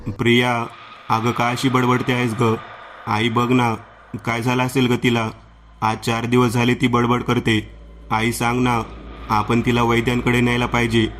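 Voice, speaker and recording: A man's voice: medium pitch, monotone, unhurried, fairly bright tone, a little hiss or hum, lightly acted. A man voicing an anxious, caring village mother who pleads with and fusses over her teenage daughter in a horror story. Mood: worried.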